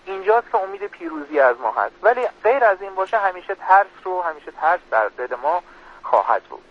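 A man's voice: high voice, big pitch swings. A man speaking as a religious guest, earnestly explaining a prayer on a radio program. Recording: dull lo-fi radio sound.

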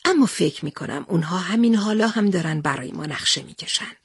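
A woman's voice: fairly low pitch, expressive, husky, no echo, clean studio sound. A woman voicing a thoughtful male hero who asks pointed questions.

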